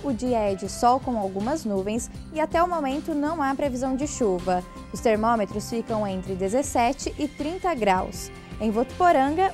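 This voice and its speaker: A woman in her twenties reading a scripted weather forecast smoothly in a TV studio, using a lapel mic. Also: on the high side. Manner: smooth, even read. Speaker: weather presenter. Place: TV studio in front of weather map.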